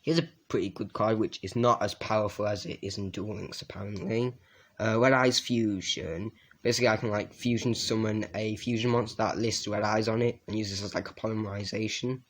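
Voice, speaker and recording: A man casually reviewing a trading card deck, reading card names aloud and adding quick asides with fillers. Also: fairly low pitch, steady tone.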